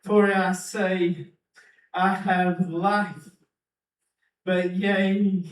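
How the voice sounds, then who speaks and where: A man's voice: sits high, little pitch movement, very slow. A man delivering a prophetic utterance in archaic King James phrasing, chanting and repeating himself as he breaks into speaking in tongues. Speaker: preacher. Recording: echoey room from far off.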